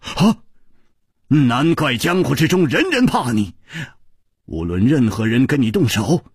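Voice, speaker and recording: A man voicing a bold, carefree young swordsman hero who talks lightly and teases, in a husky voice. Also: medium pitch, big pitch swings, unhurried, dry recording, clean studio sound, exaggerated voice. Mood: resigned. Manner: lighthearted, teasing, laughing.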